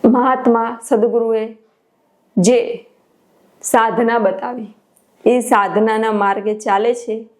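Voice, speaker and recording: A woman spiritual teacher telling a devotional parable, expressive and exclamatory. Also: a little high, takes it slowly, pauses often.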